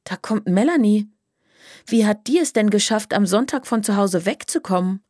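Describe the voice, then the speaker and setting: A woman reading a storybook voices an earnest, gentle young girl. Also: mid-range voice, animated, normal speed, no echo, studio quality, natural voice. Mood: lively. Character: warm, brave young girl caring for a baby.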